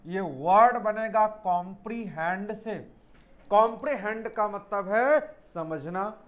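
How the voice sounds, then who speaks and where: A man with a high-pitched voice teaches English spelling for exam preparation. He explains each word step by step and spells words out letter by letter, calling his students children. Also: muffled recording.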